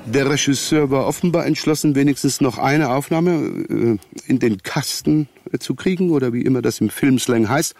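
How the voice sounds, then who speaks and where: An actor playing a wry, grumbling friend of a detective, narrating a German radio crime drama in a wordy, ironic, conversational way. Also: male voice, mid-range voice, normal speed, few pauses, darkish tone, dry recording, close to an everyday voice. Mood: wry, musing.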